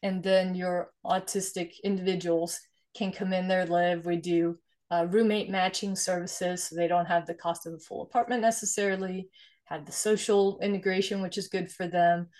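Earnest Swedish-born woman, lowish voice. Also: little pitch movement, normal speed, a little mellow. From Sweden. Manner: earnest, explanatory, uses "right?" often. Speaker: guest, investor and nonprofit founder. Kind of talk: conversational interview.

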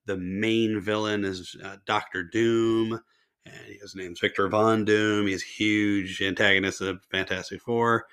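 An older man hosting a solo podcast in a casual, rambling way, sounding nasal and slightly raspy with a mild cold and laryngitis. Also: fairly low pitch, flat delivery, measured pace, fairly bright tone. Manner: rambling, conversational, self-interrupting asides. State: mild laryngitis and nose congestion. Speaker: podcast host.

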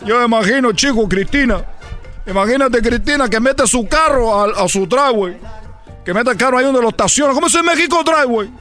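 A boastful, excitable baseball player, put on by a man for a comic radio sketch. The voice sits high and squeals as he rambles on, cracking himself up. A faint music bed runs under his talk. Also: fairly quick. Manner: rambling, shouting catchphrases, laughing at own jokes. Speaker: recurring comedy character on a radio show.

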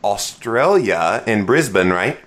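Chatty low-voiced man hosting a podcast. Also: animated, takes it slowly, fairly bright tone, slight background noise. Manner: chatty, joking, self-deprecating. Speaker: podcast host. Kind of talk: casual interview chat.

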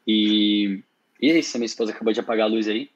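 A man's voice: on the low side, fairly even intonation, fast, dull audio, a little hiss or hum. A man, chatting casually as an interview guest and rambling with many restarts and slang fillers. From Brazil. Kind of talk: casual live-stream chat.

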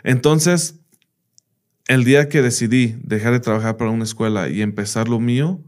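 With a mid-range, slightly mellow voice at moderate speed, a man shares anecdotes as a podcast guest in an informal interview. He's a teacher, English is his first language, and he leans on "bla, bla" and "¿me entiendes?"

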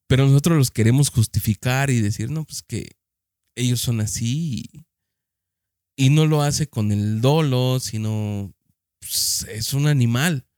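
Measured man musing in casual chat. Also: medium pitch, a little mellow, no room sound, clean studio sound. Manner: measured, thoughtful, hesitant restarts.

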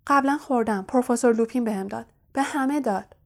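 A woman's voice: on the high side, lightly acted. A woman voicing a proud, embarrassed teenage schoolboy who insists he is fine in an audiobook. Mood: defensive. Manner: insistent, defensive.

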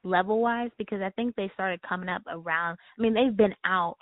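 A woman's voice: medium pitch, a little fast, dry recording. A woman co-host talks casually about music in a rambling, chatty way. Her voice comes through thin and tinny, like a phone call. The sound is dry, with no room around it. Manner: chatty, rambling, laughs easily. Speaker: podcast co-host. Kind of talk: casual chat.

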